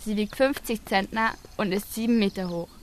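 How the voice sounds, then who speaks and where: A towering, proud building come to life, voiced by a woman, at a middling female pitch. It welcomes visitors in storybook fashion, with faint noise in the recording. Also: normal speed, natural voice. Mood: proud, welcoming. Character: huge, proud talking memorial hall greeting visitors. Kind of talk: educational audio drama.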